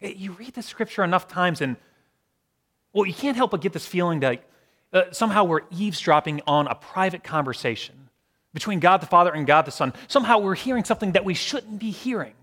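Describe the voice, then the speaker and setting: Reflective male preacher with hushed pauses. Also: high voice, animated. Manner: reflective, with slow dramatic pauses and hushed endings. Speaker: pastor. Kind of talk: sermon.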